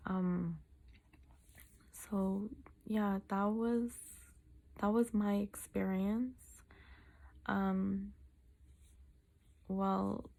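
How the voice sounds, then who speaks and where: A woman vlogging casually after having her wisdom teeth out, tired and sore in the mouth. Her voice is full of heavy fry and stays in a narrow, flat range. She talks haltingly, drawing out words for emphasis. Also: medium pitch. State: sore mouth, recovering two days after wisdom tooth surgery. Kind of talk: casual personal vlog update, chatty.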